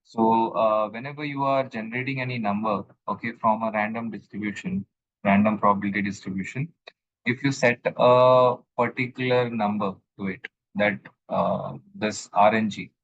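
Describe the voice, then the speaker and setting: A man's voice: fairly low pitch, fairly even intonation, moderate pace, a bit bright, highs cut off. A male instructor explaining statistics step by step in a screen-share lesson recording, often checking that his student follows.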